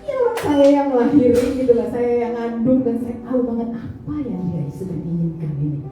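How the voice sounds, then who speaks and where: A woman's voice: fairly high pitch, animated, moderate pace, warm tone. A middle-aged woman pastor giving a chatty, playful sermon in a church, teasing the congregation. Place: large church hall. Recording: echoey hall, distant mic, dull sound with music. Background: music.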